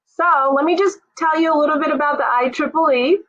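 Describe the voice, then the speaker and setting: A woman from Jamaica giving an informal, friendly presentation on a webinar, often pausing with "um". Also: sits high, dull audio. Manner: friendly, relaxed, lots of "um" fillers. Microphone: video call.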